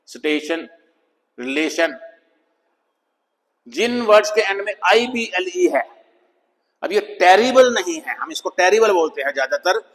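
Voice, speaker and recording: A man with a fairly high voice gives a patient pronunciation lesson. He explains each sound, then says the model words slowly in a lower voice. His voice carries a long reverb, as if in a hard, echoing room. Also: fairly bright tone. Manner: patient, repeats example words slowly, drops pitch on model words. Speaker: English pronunciation teacher.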